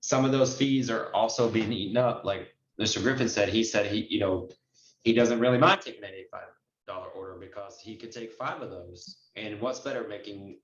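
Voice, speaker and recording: A man with a fairly low voice hosts an advice Q&A over a group video call, where he's a notary trainer taking questions. He explains things briskly and conversationally, with emphasis, and the sound is roomy and somewhat dull.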